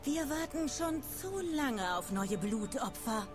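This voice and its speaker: Imperious, cruel dark elf sorceress. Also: female voice, a little high, animated, slow pace. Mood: cold, commanding. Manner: imperious, theatrical. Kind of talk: video game voice acting. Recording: game music behind.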